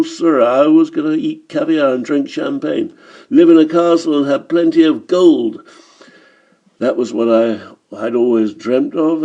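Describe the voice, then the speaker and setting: A man's voice: a little high, dark tone, dull audio, natural voice. A man voicing a boastful, sly middle-aged German swindler in an audiobook story, talking with a chuckle.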